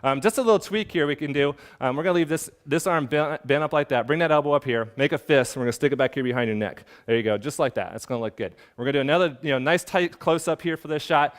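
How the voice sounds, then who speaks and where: Male photographer, brisk easygoing instructor coaching a model through poses in the studio. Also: a little high. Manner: casual, directs the model, many fillers. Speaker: portrait photographer teaching. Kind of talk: hands-on studio demonstration.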